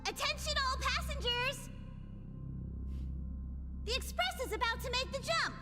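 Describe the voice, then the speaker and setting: A streamer voicing a train announcer making a slow, drawn-out passenger announcement over a tannoy. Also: very high voice, big-room sound, over loud music, voice pushed up. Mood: announcing. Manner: slow, drawn-out public address delivery. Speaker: streamer reacting to a game.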